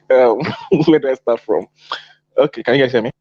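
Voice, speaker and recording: A man's voice: medium pitch, measured pace, dry recording, muffled recording. Man on a cutting-out call mic, volume dropping in and out. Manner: hesitant, checking if he can be heard. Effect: cutting-out mic with uneven, dropping volume. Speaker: fan panelist on a remote call. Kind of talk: casual football fan discussion. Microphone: remote call microphone.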